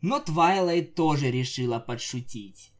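A man narrating a comic fan fiction story with lively, jokey asides. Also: a little high, measured pace. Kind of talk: comic audiobook reading.

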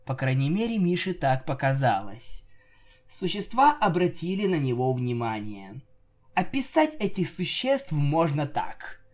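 A man narrating a comic fan fiction story with lively, jokey asides. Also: a little high, a little slow, faint music behind. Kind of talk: comic audiobook reading.

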